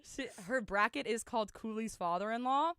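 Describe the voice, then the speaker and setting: A woman's voice: a little high, normal speed, a loud crowd. A young woman co-hosting a sports radio show, upbeat and playful in casual chat. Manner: upbeat, playful, reads updates.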